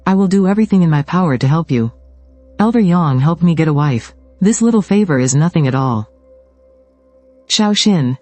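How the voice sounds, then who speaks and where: A man narrates a story recap in a mellow, dark-toned voice, keeping an even, steady delivery across every part. The sound is close and dry, with soft music underneath. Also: on the high side, no echo.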